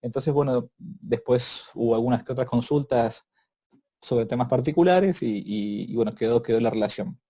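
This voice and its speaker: With a mellow, medium-pitched voice and moderate pace, a male priest leads a relaxed interview. His speech is hesitant, packed with fillers, repeated words and restarts.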